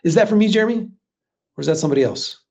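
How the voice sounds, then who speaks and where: Energetic male sales trainer on a call. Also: high-pitched, very fast, gravelly. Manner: energetic, conversational, acts out customer dialogue. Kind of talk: live webinar sales training. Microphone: video call.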